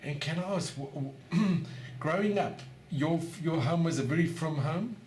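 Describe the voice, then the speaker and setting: A male interviewer with a slightly raised voice who asks short, gentle follow-up questions in an oral history interview. He is recorded inside a home, and the sound carries a roomy echo. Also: fairly high pitch, unhurried, slight background noise.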